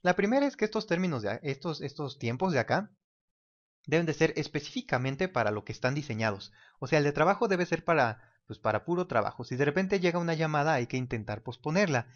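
A man's voice: a little high, lively intonation, fast. Male teacher, casual sketch-as-you-go explainer, muffled lo-fi audio. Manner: casual, talks while drawing, mimics ticking clock. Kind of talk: whiteboard explainer lesson. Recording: dull lo-fi recording.

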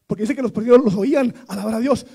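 A man preaching a Pentecostal sermon in church, building from quiet storytelling to shouted praise. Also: very high voice, very fast, gravelly, breathy edge.

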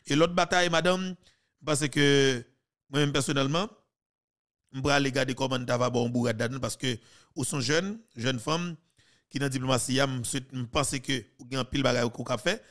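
A man in his thirties with a Haitian accent, giving heated, mocking political commentary on a podcast, with sudden loud outbursts. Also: mid-range voice, normal speed. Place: small studio. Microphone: studio mic with headphones.

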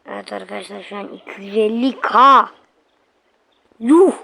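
A woman's voice: medium pitch, steady tone, brisk, vocal fry, slight background noise. A woman giving casual gameplay commentary, chatting to her viewers and bursting out in frustration when she fails. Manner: chatty, addresses viewers constantly, loud frustrated outbursts. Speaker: gaming video host.

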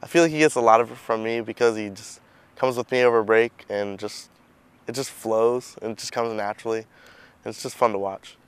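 A young man talking about his friend in an interview, amused and relaxed, outdoors. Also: mid-range voice, brisk, clean tone. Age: young adult. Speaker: friend of the subject. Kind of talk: interview answers.

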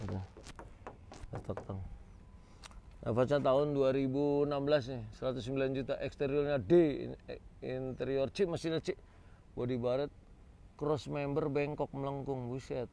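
A man's voice: medium pitch, vocal fry, a little mellow. A man gives informal, exclamatory walk-around commentary as a vlog host, addressing viewers directly. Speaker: host of a used car auction vlog. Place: outdoors in a car lot.

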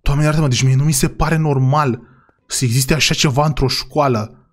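A man playing a father in a role-play game, talking excitably and often saying "God forgive me". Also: mid-range voice.

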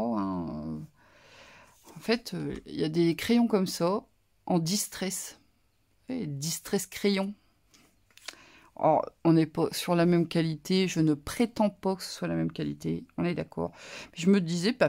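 A woman's voice: lowish voice, gravelly, darkish tone. A woman vlogger casually showing off a craft haul, talking in a hesitant, musing way with many fillers. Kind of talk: casual show-and-tell haul.

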